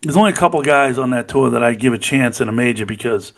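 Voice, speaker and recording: A man's voice: medium pitch, fast talker. A middle-aged man co-hosting a podcast, chatting casually and enthusiastically about golf, often saying "you know what I mean". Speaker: podcast co-host. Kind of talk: casual sports chat.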